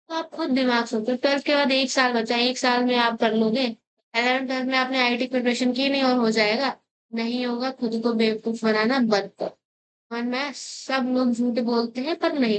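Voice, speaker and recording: A woman's voice: a little high, slight background noise. A young woman giving blunt, scolding advice to students, repeating her warnings. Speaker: education vlogger.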